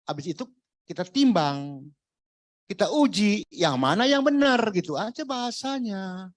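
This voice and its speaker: A man's voice: sits high, lively intonation, a little slow, dry recording. A man preaching a sermon in a conversational, jokey way, full of rhetorical questions. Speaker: pastor. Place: church.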